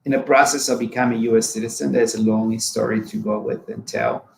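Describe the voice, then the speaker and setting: A man's voice: fairly low pitch, fairly even intonation, a little fast, vocal fry, a little mellow, echoey room, slight background noise, rough recording. A man in his forties from Honduras, speaking English with a Spanish accent, earnestly telling his life story as a guest with frequent fillers. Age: 40s. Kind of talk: personal storytelling.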